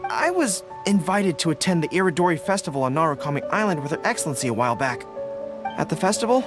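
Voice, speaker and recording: Over loud background music, a woman with a deep voice speaks fast with big pitch swings, voicing an earnest, polite young official in a video game. She explains things earnestly, a little hesitantly.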